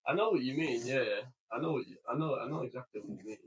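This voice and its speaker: A man's voice: mid-range voice, quick pace, slightly rough, rough recording. A man, hosting a podcast in a casual, slangy, colloquial way. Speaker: podcast host.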